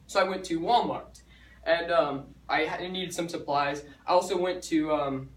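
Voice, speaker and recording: A man's voice: a little high, moderate pace, a little hiss or hum. A young man giving a student talk on stage, chatty and joking, who often trips over his words. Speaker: student speaker. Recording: echoey hall, mic far off.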